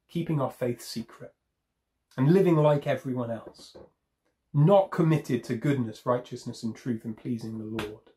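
Man delivering a sermon, voice a touch high, emphatic and repetitive with gentle humour. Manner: emphatic, repeats key phrases. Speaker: preacher.

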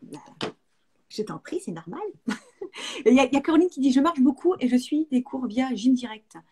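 A woman's voice: sits high, moderate pace, slightly rough. A woman in her forties, a fitness coach, chatting frankly and with energy on a video call. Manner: lively, frank, slangy. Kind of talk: casual webinar chat.

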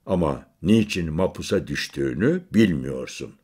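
A man's voice: very deep voice, lively intonation, moderate pace, a little mellow, husky, voice pushed down, heavily acted. A man voicing a weary, brooding former prisoner and hunter who speaks in a hesitant, subdued way. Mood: somber.

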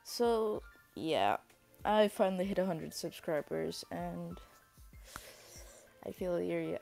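A man hosting a casual vlog, talking in a flat, monotone way with lots of rambling fillers. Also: sits high, gravelly. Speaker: YouTuber. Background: faint background music.

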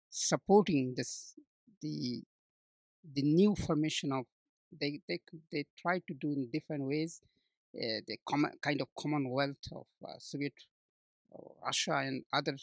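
A man in his sixties from Bangladesh, talking as an interview guest, halting often with fillers and restarts. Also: a little high, vocal fry, no echo. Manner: hesitant, many restarts and fillers, warm laughs. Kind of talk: conversational interview.

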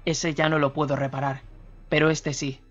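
Calm, remorseful ex-convict, read by a male narrator; measured and earnest, muffled radio audio. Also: fairly high pitch, natural voice. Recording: slightly dull radio recording, faint music.

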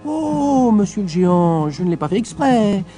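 A man voicing a small, boastful young male tailor in a storybook, with perky, excitable exclamations. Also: high voice, normal speed, soft background music, pitched above the performer's own voice. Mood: cheeky. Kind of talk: storybook character voice.

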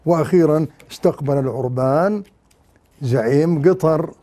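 An older man giving satirical political commentary on television, mocking and animated. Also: a little high, normal speed. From Jordan. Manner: mocking, animated, mimics others in sing-song asides. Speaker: TV commentator, former university lecturer.

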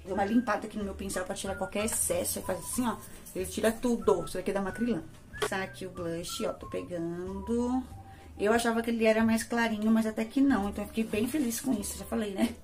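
A woman's voice: fairly high pitch, darkish tone. A Brazilian woman casually reviewing makeup in a chatty, affectionate way, talking straight to her viewers. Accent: Brazilian Portuguese. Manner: chatty, affectionate, addresses viewers as "amores" and "gente". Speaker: beauty vlogger.

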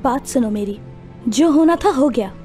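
A woman's voice: high voice, animated, moderate pace, over loud music. An actress playing an earnest, insistent young fiancée in her twenties in a dubbed TV drama. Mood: affectionate. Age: 20s. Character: earnest, affectionate young fiancée, gently scolding.

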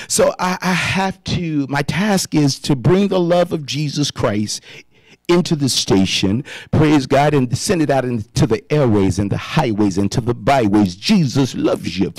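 A man's voice: mid-range voice, darkish tone, dry recording. A man in his fifties preaching live on radio from a studio, fervently calling out praise and amen between his thoughts. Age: 50s. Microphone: studio mic on boom arm, wearing headphones.

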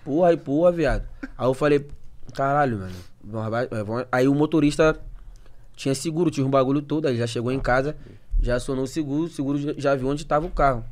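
A young man tells a story on a podcast in loose, slangy talk. He rambles and laughs often, in a voice a little higher than most men's. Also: fairly even intonation, quick pace, a little mellow. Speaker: podcast guest. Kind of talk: casual storytelling.

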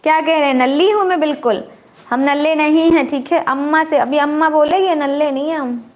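A woman's voice: high-pitched, fairly quick. A middle-aged housewife hosting a casual live stream, chatting and teasing back as she reads viewer comments.

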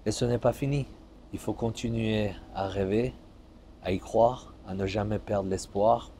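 A man in his forties from Iran, a fitness coach, talking in a calm, measured, motivational way. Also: lowish voice, slight background noise. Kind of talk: vlog monologue answering viewer questions. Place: seated on an outdoor terrace, then driving a car.

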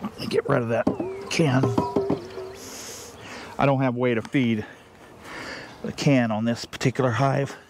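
A man's voice: medium pitch, steady tone, over music. Plain-spoken man working a beehive outdoors. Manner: plain, unhurried, thinking aloud while working. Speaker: beekeeper. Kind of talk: casual how-to narration. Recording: faint outdoor ambience with buzzing bees.

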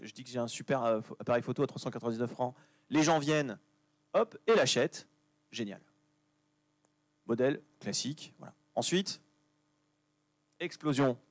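A man speaking at a conference in a chatty, animated way, tossing jokes and asides to the audience. His voice sits in a middle range and sounds dry and close, with almost no room sound. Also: medium pitch, no echo. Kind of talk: lively conference talk. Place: conference venue.

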